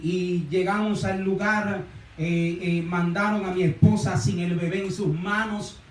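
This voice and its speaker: High-voiced man preaching in an echoey hall. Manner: preaching with frequent hesitations and repeated words. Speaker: pastor. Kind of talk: sermon. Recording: echoey room, voice from a distance.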